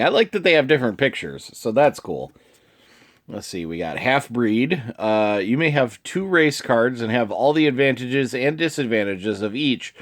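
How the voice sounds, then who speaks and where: Reading card text out loud, this casual video host sounds stuffy from allergies and sniffles as he goes. His voice sits in the middle range, and he adds offhand remarks along with some throat-clearing.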